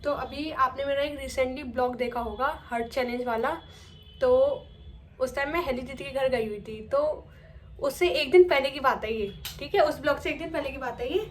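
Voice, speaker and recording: A woman's voice: sits high, moderate pace. A young woman vlogging at home in a chatty way, first cooking in her kitchen and then telling a story, often checking in with "okay". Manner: chatty, peppers speech with "okay". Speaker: family vlogger.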